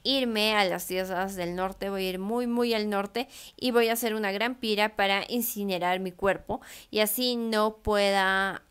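A woman's voice: medium pitch, steady tone, unhurried, few pauses, a bit bright, clear, resonant tone, natural voice. A woman voicing a lonely male creature who grieves his maker and blames himself, in a pleading, self-accusing way. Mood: resigned.

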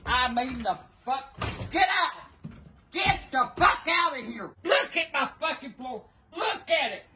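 An older woman, a grandmother with an irate, blunt, profane manner, talking casually and often shouting in a home bedroom. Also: sits high, noisy background. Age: older, 60s or above. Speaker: grandmother in prank videos. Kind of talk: casual reactions to pranks. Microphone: handheld phone camera a short distance away.

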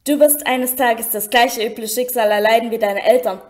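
A woman's voice: a little high, fairly even intonation, moderate pace, a little mellow, natural voice. Woman doing a hissing, haughty wizard. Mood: cold, contemptuous. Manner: hissing, contemptuous. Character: cold, haughty aristocratic wizard man.

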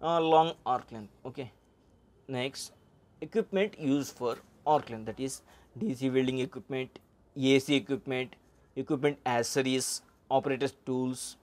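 Man teaching welding, halting. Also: mid-range voice, a little mellow. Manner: halting, frequent "uh" and "okay" fillers. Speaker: welding instructor. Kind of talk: slide lecture.

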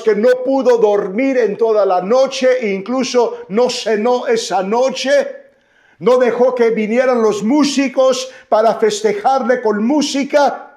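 High-voiced, slow-preaching male pastor. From United States. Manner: preaching with swells to loud emotional peaks and dropping to hushed; repeats "escuche" and "amados hermanos" to the congregation. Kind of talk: sermon.

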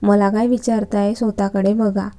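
A cheeky, bold young student from a storybook romance, as the narrator reads her, teasing and talking back. The tone is very dark and mellow and stays level, with little lift in pitch. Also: little pitch movement, normal speed, lightly acted.

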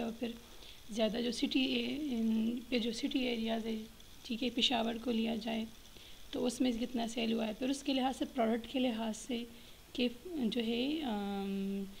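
A woman giving a slide lecture, reading each point slowly and then explaining it with many pauses and fillers. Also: on the high side, creaky, a little mellow, a little hiss or hum, low-quality recording. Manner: explains in Hindi-Urdu mixed with English terms, many fillers. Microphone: voice-over on slides.

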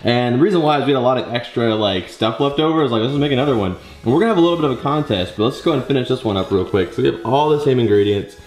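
A man in his twenties hosting a casual food vlog, excited and slangy as he tastes and eats sour candy. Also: mid-range voice, very fast, hardly any pauses. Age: 20s. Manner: excited, slangy, talking while tasting and eating sour candy. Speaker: host of a food challenge vlog. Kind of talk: casual vlog chat to camera. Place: living room, indoors. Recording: echoey living room with music behind.

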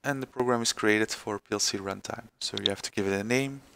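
A man presenting a screen-recorded software tutorial, halting with many fillers and restarts. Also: fairly low pitch, vocal fry, a little hiss or hum.

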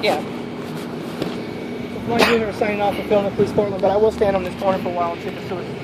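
Quick-talking, conciliatory man, loud street noise. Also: sits high, steady tone. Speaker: citizen filming police. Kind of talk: casual street talk. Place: outdoors at night on a city street. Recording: very noisy outdoor street with traffic.

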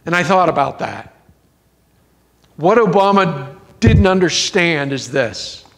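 A pastor with a voice on the high side preaches a sermon in a church, building rising, emphatic phrases, stretching out his line endings and posing rhetorical questions to the congregation.

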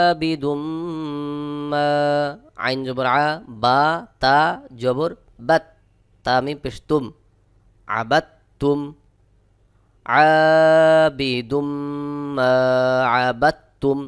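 A man teaching a Quran reading lesson, spelling out each word letter by letter and chanting the verses slowly between plain explanations. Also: medium pitch, clear, resonant tone. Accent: Bangladeshi Bengali.

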